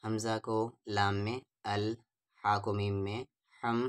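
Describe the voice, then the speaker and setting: A man teaching Quran reading with tajweed, spelling out syllables one at a time and then reciting each verse slowly and drawn out. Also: on the low side, level tone, fairly bright tone, clean tone.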